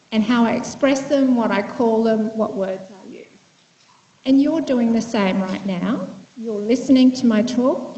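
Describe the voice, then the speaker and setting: A woman's slightly high, mellow voice is heard giving a conference presentation. She is a Vietnamese psychiatrist who talks in a thoughtful, conversational way with lots of fillers and restarts. The recording, made in a lecture room, is echoey, dull, and lo-fi.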